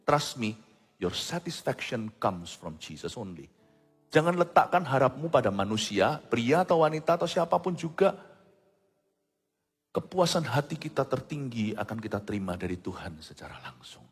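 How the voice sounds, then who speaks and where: A man preaching as a pastor, animated and acting out the voices of others, with English phrases mixed in. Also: medium pitch, slightly rough. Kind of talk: sermon. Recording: long hall reverb, faint music.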